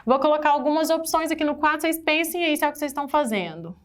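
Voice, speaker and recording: A woman's voice: high voice, rapid-fire. A woman with a Brazilian Portuguese accent teaching an exam-prep grammar lesson, asking the class questions and stressing key words.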